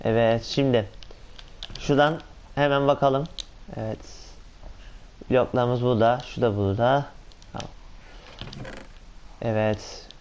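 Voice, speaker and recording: A man giving casual, excitable commentary on his own gameplay, talking to himself and exclaiming often. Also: medium pitch, measured pace, long pauses, slight background noise. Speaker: gaming channel host.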